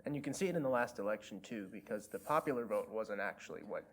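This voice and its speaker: A man's voice: on the low side, expressive, fast. A man in a lecture audience asking a question, a little hesitant with "um" and "uh". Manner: hesitant, starts with "um" and "uh".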